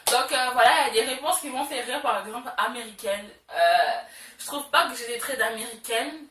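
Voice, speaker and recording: A young beauty vlogger chats casually to her camera in a fairly high, bright, pushed voice, speaking a little quickly. She uses lots of fillers and repeats words for emphasis. The room echoes, and she sounds a bit far from the mic.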